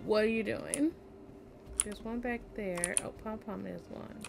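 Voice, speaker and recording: Over music and faint game noise, a weary young woman on a home stream yawns, chats casually, and reads the game's text aloud. Her voice sits at medium pitch, moves a little slowly, and has a creaky quality.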